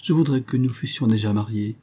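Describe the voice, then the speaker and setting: Young frightened noblewoman done by a man, anxious, hushed, pleading, dark tone, storybook. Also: fairly low pitch, brisk, husky.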